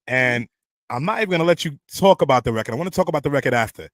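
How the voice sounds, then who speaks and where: A man's voice: medium pitch, lively intonation, racing, fairly bright tone, no echo. A man hosting a radio interview, talking straight to his online chat and steering the conversation with an upbeat manner. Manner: addresses the chat audience directly. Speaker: radio host.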